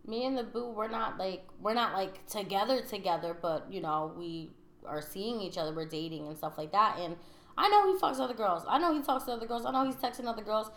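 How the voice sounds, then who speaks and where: A woman's voice: mid-range voice, brisk, a bit bright. Blunt young woman, echoey room. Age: 20s. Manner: blunt, profane, laughs often. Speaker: podcast co-host. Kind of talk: casual chat.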